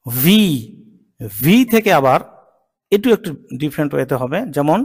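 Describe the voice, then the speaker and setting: A man teaching English consonant sounds in a slow lesson. He says each sound patiently and repeats it several times. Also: a little high, animated, husky, long reverb tail. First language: Bengali. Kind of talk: slow spoken pronunciation lesson.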